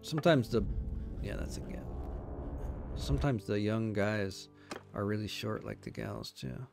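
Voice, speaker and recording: A man's voice: lowish voice, unhurried, vocal fry, over music. A man streaming a game, chatting casually and talking to himself and his viewers as he plays. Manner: rambling self-talk to viewers. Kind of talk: casual gameplay commentary. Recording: loud game noise behind.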